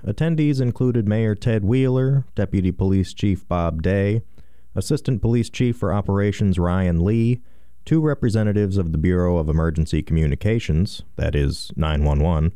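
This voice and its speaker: Low, mellow male news reporter. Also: normal speed, clean tone, no echo, clean studio sound. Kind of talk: scripted news report narration.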